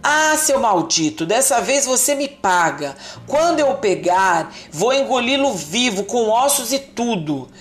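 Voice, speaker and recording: A woman's voice: on the high side, expressive, unhurried, pitched above the performer's own voice. A woman voicing a huge, furious old giant who eats people and bellows his demands. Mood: bellowing.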